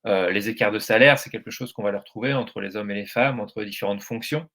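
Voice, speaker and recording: A man's voice: lowish voice, quick pace, fairly bright tone. A French man giving a presentation at a meetup, speaking hesitantly with many fillers and restarts. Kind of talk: presentation talk.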